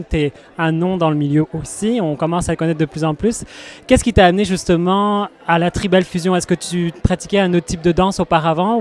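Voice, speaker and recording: A man interviewing a guest at a festival, asking friendly questions that sometimes stumble. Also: high voice. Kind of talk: casual interview.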